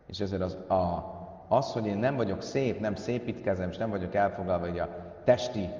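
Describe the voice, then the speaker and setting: Male Talmud teacher, reads Aramaic then explains it, halting with fillers, far from the mic in an echoey hall. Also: low voice, mellow, highs cut off. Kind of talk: Talmud lesson retelling stories.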